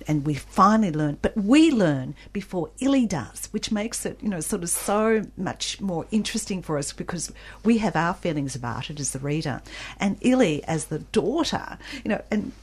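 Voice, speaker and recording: A woman's voice: low-pitched, breathy edge. A woman discussing a novel with its author as a radio book reviewer, talking with enthusiasm and frequent restarts.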